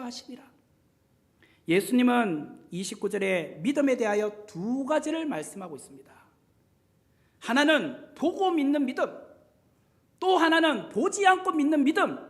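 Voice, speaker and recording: A male pastor delivering a sermon in a church, his voice sitting high and swinging widely in pitch. He preaches in a gentle, conversational way, asking the congregation questions. He acts out quoted lines, dropping to a hush or rising to a loud cry. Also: sing-song, moderate pace. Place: church sanctuary.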